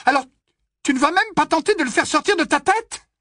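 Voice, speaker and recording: A man's voice: very high voice, animated, brisk, pushed and bright, no echo, studio quality, voice pushed up, exaggerated voice. A man voicing a stern, anxious teenage girl who scolds and urges. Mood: pleading. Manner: scolding, urgent.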